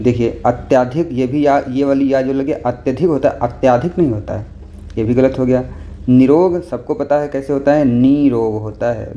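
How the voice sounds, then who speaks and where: A man's voice: medium pitch, mellow. A man tutoring for an exam, walking through answers one by one and checking in often with the class. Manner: patient, repeats with frequent "okay?" checks. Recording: dull lo-fi recording with faint noise.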